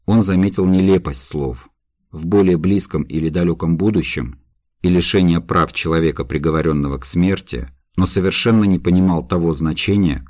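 A male audiobook narrator reads classic prose at a measured, somber pace. His voice is extremely low and deep. The recording is dry and close, with no room sound. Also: darkish tone, no room sound. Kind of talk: scripted literary narration.

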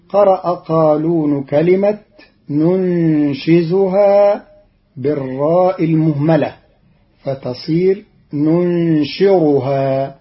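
Slow, measured man on old radio. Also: a little high. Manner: measured, deliberate explanation. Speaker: teacher of Quran readings. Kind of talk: scripted radio lesson. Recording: dull lo-fi old radio recording.

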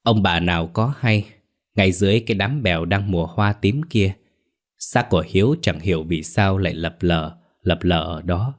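A man narrating a ghost story in a steady, measured way. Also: low-pitched.

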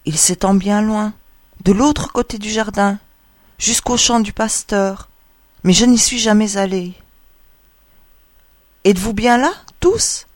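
A woman's voice: medium pitch, slow pace, pauses often, dry recording, clean studio sound, close to an everyday voice. A woman voicing a proud, protective mother duck who fusses over her ducklings, in a storybook reading. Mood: fretful. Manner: fussy, protective, doting. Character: anxious proud mother duck, female, adult.

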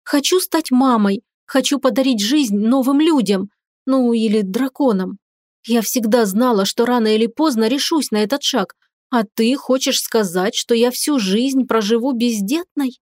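A woman playing a sharp-tongued young wife. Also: fairly high pitch, unhurried, no echo, studio quality, natural voice. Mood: indignant. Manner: indignant, sarcastic, impassioned.

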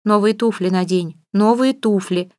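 A woman's voice: mid-range voice, steady tone, moderate pace, dark tone, no echo, studio quality, natural voice. A woman reading an audiobook, voicing a stern, fussy middle-aged mother who scolds and gives orders. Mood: bossy. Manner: scolding, bossy. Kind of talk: audiobook character voice.

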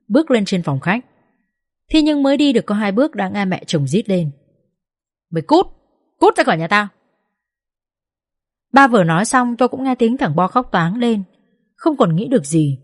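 A woman's voice: mid-range voice, a little mellow, no echo, studio quality. A woman narrating a first-person family drama in a tense, emotional reading. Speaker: audiobook narrator.

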